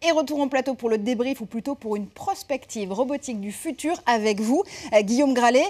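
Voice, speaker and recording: A woman's voice: fairly high pitch, fairly quick, mellow. A woman presenting a technology show on television, with an emphatic scripted delivery and interview questions.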